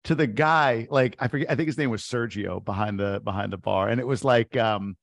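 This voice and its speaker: A man's voice: fairly low pitch, fairly quick, creaky, dry recording, clean studio sound. A middle-aged man from upstate New York hosting a podcast interview, talking casually and jokily with lots of "like" and "right?". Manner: animated and jokey, frequent "like" and "right?". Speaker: podcast host.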